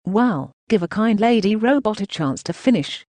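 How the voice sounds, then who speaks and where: A woman's voice: mid-range voice, animated, moderate pace, darkish tone, dry recording. A synthetic female robot voice reading a scripted podcast intro in a chirpy way. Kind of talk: scripted text-to-speech intro.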